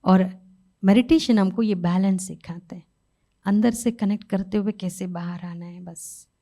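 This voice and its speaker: A middle-aged woman giving a conversational spiritual talk, asking rhetorical questions and softly acting out inner dialogue with her own mind. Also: mid-range voice, a little slow. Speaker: spiritual speaker.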